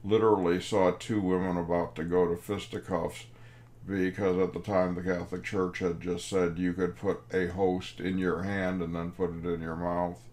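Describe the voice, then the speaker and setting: A man's voice: deep voice, little pitch movement, moderate pace, a little mellow. A man in his fifties, a professor telling a wry classroom anecdote in a lecture. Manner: anecdotal, wry, acts out quoted voices. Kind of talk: storytelling lecture.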